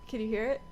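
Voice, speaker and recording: A woman hosting her own stream from a desk at home, chatting casually, excitable and giggly, swearing freely. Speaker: streamer host.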